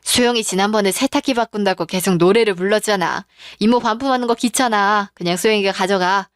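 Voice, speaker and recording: A woman's voice: medium pitch, brisk, dry recording, studio quality, natural voice. A woman voicing a generous middle-aged aunt who talks in a breezy, teasing way.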